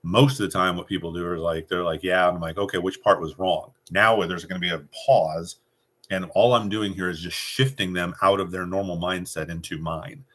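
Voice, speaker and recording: A middle-aged man with a low, deep voice talks through sales phone calls. He moves between loose, casual explanation and confident, direct sample lines, as if coaching a team of agents. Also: fairly even intonation, moderate pace, fairly bright tone. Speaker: sales trainer. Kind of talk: casual instructional talk.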